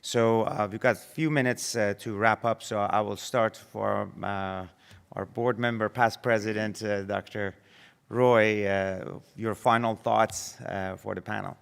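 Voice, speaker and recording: Gravelly low male moderator addressing an audience. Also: steady tone, unhurried. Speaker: panel moderator. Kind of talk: moderating a panel in front of an audience. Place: large conference hall. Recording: echoey hall with long reverb.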